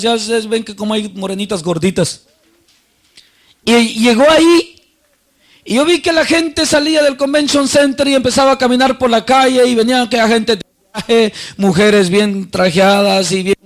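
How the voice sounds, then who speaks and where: A man preaching a sermon, telling a personal story and acting out the voices he quotes, swinging between loud and soft. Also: extremely high pitch.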